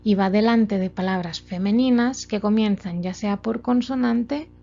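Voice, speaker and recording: A woman's warm, mid-range voice, touched with vocal fry, carries this grammar lesson. The language teacher moves through her slides slowly and methodically, illustrating every step with examples. Faint music can be heard over dull, lo-fi audio.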